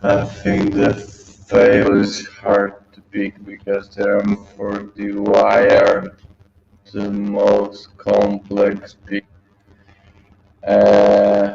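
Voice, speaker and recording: Sex: man. From: Poland. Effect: robotic, metallic distortion from a glitching video call. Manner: slow, halting speech. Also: lowish voice, monotone, vocal fry, darkish tone. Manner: slow, halting, broken phrasing. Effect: robotic, metallic distortion from a glitching call connection. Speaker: panel guest, entrepreneur. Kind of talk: online panel answer. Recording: muffled, echoey video call audio.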